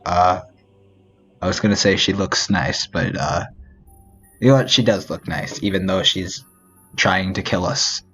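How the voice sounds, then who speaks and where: A man's voice: low-pitched, a little slow, long pauses, a bit bright. A young man hosting a let's play of a visual novel, rambling, giggling and correcting himself as he reads. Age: young adult. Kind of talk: casual game commentary. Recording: dull lo-fi audio with faint music.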